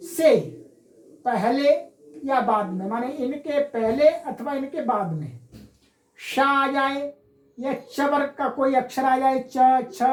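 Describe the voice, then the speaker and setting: Woman teacher going through grammar rules slowly, asks herself questions then answers, roomy echo. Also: sits high, darkish tone, slight background noise. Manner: explains step by step, asks and answers her own questions. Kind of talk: classroom lecture.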